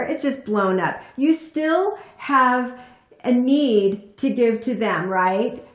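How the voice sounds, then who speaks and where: A woman's voice: on the high side, roomy sound. A woman hosting a relationship advice talk, speaking earnestly and often asking "right?" to check in with the viewer. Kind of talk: casual advice talk to camera.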